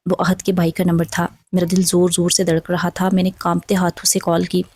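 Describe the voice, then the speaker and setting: A woman's voice: lowish voice, completely flat delivery, a little mellow, dry recording. A woman telling an emotional first-person story in a dramatic, sorrowful way. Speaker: narrator.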